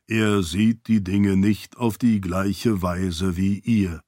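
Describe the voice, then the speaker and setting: A man voicing a calm, loyal adviser who speaks low, slow and soft. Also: no echo, studio quality. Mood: measured. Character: calm, loyal adviser to a princess, deep and measured.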